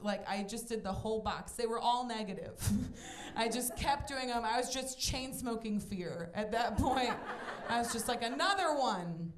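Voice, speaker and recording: A woman in her twenties performing a stand-up comedy set on a club stage, playful and animated, acting out voices in her quotes. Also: a little high. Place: comedy club stage before a live audience. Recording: echoey club room with audience noise.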